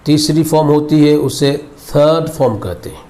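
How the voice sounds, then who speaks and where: A man's voice: fairly high pitch, fairly even intonation, normal speed, mellow. A man teaching English verb forms, repeating each word several times in formal, Urdu-flavoured Hindi. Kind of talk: slow recorded vocabulary lesson.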